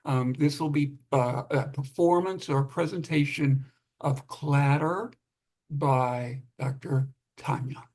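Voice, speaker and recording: A man presenting poetry at an open mic, reading and introducing it informally with a halting delivery. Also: mid-range voice, fairly even intonation, darkish tone.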